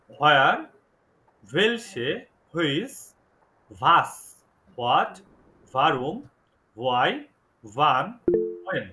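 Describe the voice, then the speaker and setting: Bright-voiced man teaching a language class. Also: a little high. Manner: explains slowly, repeats words for learners. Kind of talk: online class lesson.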